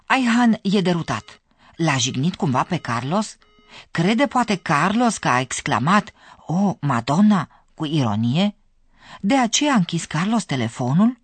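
A narrator explains a radio language course in a measured way, with a lively, varied intonation. The voice sits at a middle pitch in a dry studio recording. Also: husky, no room sound.

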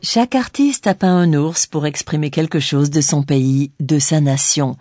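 A woman narrating a scripted language course in a didactic way, pausing on key words. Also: low-pitched, dark tone, no echo. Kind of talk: scripted bilingual explanation.

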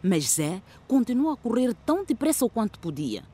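Woman narrating drama with very lively pitch. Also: moderate pace, breathy edge. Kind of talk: scripted dramatic story narration.

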